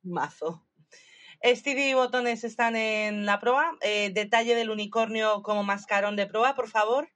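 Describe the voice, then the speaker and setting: Animated swearing woman recapping a show. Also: on the high side, measured pace. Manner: animated, swears freely, acts out quotes. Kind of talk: casual chat recapping a show.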